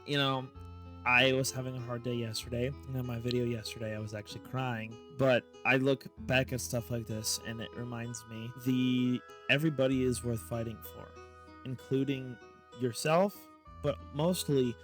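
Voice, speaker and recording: A man hosting a reaction stream, speaking earnestly and emphatically about a clip he has just played. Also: medium pitch. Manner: earnest and emphatic, sometimes loud. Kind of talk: casual reaction commentary.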